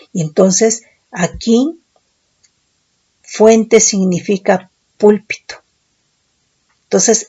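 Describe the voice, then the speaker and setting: Woman Bible teacher, slow deliberate sermon delivery, warm gravelly tone, keeps checking in with listeners. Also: medium pitch, dull audio.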